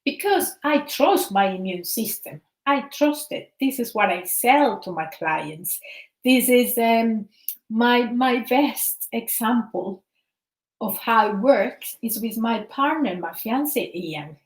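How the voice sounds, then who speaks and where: A woman's voice: on the high side, expressive, slow pace, roomy sound, poor audio. A woman from Venezuela, a wellness practitioner speaking earnestly about her views, often repeating words while searching for the right phrasing. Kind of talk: impassioned personal talk.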